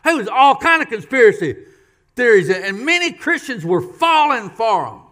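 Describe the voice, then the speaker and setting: A man's voice: extremely high pitch, sing-song, normal speed, a bit bright. A man preaching a sermon as pastor, emphatic, repeating key lines and questioning the congregation.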